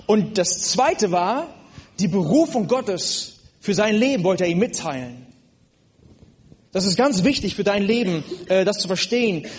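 A man's voice: sits high, lively intonation, measured pace. A man preaching a sermon, speaking earnestly and directly to the listener, with frequent hesitations.

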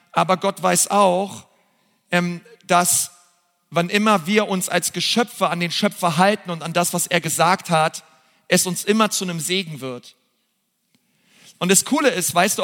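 A man preaching a sermon as pastor, earnest and talking straight to his listeners with frequent fillers. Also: sits high. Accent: German. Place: large church hall. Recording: church hall with long reverb and soft music.

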